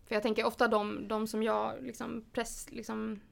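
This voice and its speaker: A woman's voice: fairly high pitch, little pitch movement, creaky. A young woman, a priest, chatting as a podcast guest, hesitant with many fillers and frequent laughter. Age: young adult. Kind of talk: casual chat.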